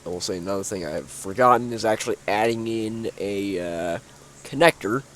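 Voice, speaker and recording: Young man, lowish voice, rambling game walkthrough, sleepy, offhand, faint hum behind. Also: normal speed, fairly bright tone. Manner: rambling, offhand, many fillers and restarts. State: sleepy, yawning. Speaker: gaming YouTuber. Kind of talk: casual gameplay walkthrough commentary.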